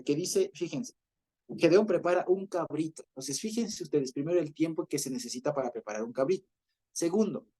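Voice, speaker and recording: A man's voice: on the high side, dark tone. A man teaching an online Bible class over a video call, explaining patiently, often checking in with listeners and chuckling as he goes.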